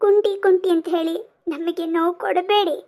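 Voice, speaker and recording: Soft pleading cartoon mother, voiced by a woman, patient, high voice. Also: fairly even intonation, moderate pace.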